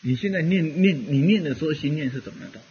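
A man's voice: on the high side, expressive, fast, a little mellow, slightly rough, muffled recording. A man giving a rambling, conversational Buddhist dharma talk, full of fillers as he teaches.

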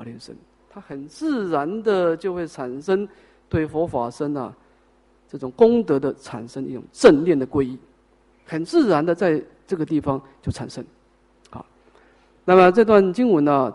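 A man with a high voice lectures on a Buddhist sutra. He lays out each point patiently, poses questions and then answers them himself. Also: darkish tone. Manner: explains step by step, asks and answers own questions, trailing particles. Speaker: Buddhist teacher.

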